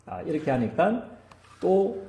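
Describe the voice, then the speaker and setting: A man's voice: on the high side, very animated, slow, warm tone, roomy sound, a little hiss or hum. A male pastor preaching a sermon in a church, who keeps asking the congregation to agree with him.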